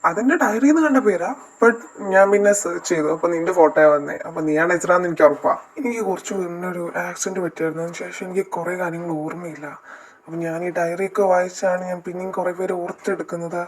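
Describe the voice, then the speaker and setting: A woman voicing a calm, puzzled young man who lost his memory, in a fan audio drama. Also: fairly low pitch, fast, close to an everyday voice. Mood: explaining. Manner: polite, matter-of-fact explaining.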